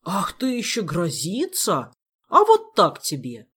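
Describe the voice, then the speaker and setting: A man reading an audiobook, voicing a gruff, hot-tempered nobleman who scolds loudly. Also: sits high, huge pitch swings, slow pace, full character voice. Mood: scornful. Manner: loud, growling scolding.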